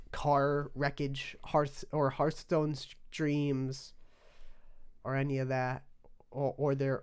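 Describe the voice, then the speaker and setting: A young man with a slightly high voice tells a story on a casual podcast with a mock-serious tone. He halts and restarts often, filling gaps with ums. He speaks close to a studio mic with a pop shield. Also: darkish tone, clean tone. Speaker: podcast co-host.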